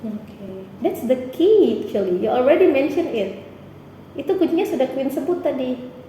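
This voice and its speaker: A woman English teacher with a Palembang accent, giving encouraging, animated answers in an interview. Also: high-pitched, normal speed, slight background noise. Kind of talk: explanatory interview answers mixing Indonesian and English. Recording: echoey hall.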